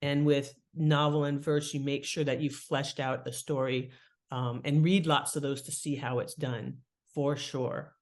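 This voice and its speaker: An unhurried woman with a bass voice and little pitch movement serves as the expert guest, an author and writing expert, on an interview show. She leans on key words while explaining things in a conversational, practical-advice manner.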